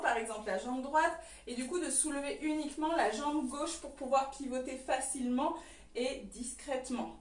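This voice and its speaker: A woman teaching an online belly dance lesson, explaining moves and calling out counts as she dances. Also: high-pitched. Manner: counts and calls steps aloud while dancing. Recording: roomy echo, distant from the mic.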